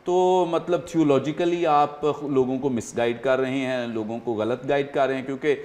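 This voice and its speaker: A man's voice: mid-range voice, steady tone, a little mellow. A man hosting a studio talk show, explaining earnestly and often using fillers. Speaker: host.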